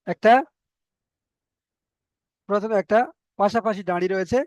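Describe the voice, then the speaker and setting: High-voiced patient male teacher. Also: fairly even intonation, dry recording, dull audio. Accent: Bengali. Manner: patient, repeats letter names and drawn-out sounds. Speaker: Quran reading teacher. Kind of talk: explanatory online lesson.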